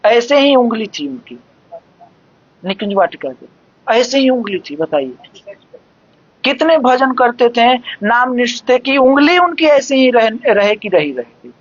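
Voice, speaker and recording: Brief: scripture-discourse speaker, very slow and measured, dull lo-fi recording. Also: mid-range voice, very animated, no echo. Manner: measured, explanatory, recites verses slowly. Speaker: devotional scripture expounder. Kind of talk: devotional discourse explaining scripture.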